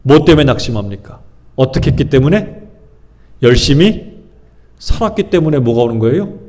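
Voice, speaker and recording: A man's voice: medium pitch, lively intonation, moderate pace, darkish tone. A male pastor preaching a sermon, posing questions to his congregation and answering them himself. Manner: acts out people's inner thoughts in shifting voices.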